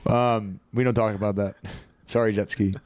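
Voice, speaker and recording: A man's voice: lowish voice, fairly even intonation, moderate pace, a little mellow. A young man hosting a casual sports podcast, rambling through stories, swearing casually and laughing mid-sentence. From USA. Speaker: podcast host.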